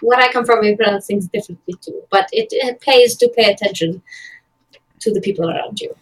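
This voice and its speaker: A woman playing a tabletop game in character, speaking in a measured, cool way. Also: medium pitch, poor audio. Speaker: player.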